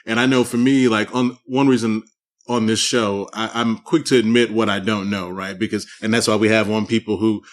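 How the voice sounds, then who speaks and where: A man's voice: on the low side, level tone, normal speed. A man hosting a casual interview podcast, thinking aloud and often repeating words as he frames his questions. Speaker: podcast host.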